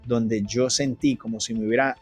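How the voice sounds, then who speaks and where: A man's voice: medium pitch, steady tone, moderate pace, slightly rough, faint music behind. A man telling his personal testimony in an interview, earnest and full of restarts. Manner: earnest storytelling, frequent restarts.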